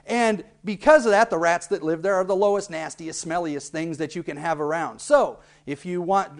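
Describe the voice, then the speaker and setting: Jokey man hosting a cable TV segment. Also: sits high. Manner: jokey, playfully exaggerated delivery. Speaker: local cable TV segment host. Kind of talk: humorous explainer monologue.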